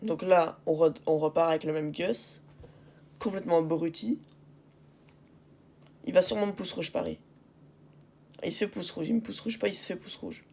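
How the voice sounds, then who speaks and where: In a darkish voice on the low side, a woman comments casually on replays of her matches for a gaming video, pausing at length at a moderate pace. Frustrated with her teammates, she repeats phrases and asks rhetorical questions to drive her point home.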